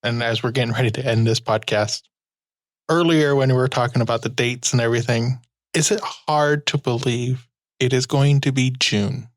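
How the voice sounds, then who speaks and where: A woman's voice: rumbling low, steady tone, normal speed. A woman from California hosting a podcast, joking and bantering casually with her guest. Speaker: podcast host. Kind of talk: casual chat.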